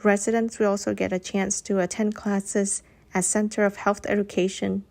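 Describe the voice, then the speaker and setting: A woman's voice: mid-range voice, level tone, moderate pace, vocal fry, a little mellow. A woman on the hospital staff giving brief, informative facts.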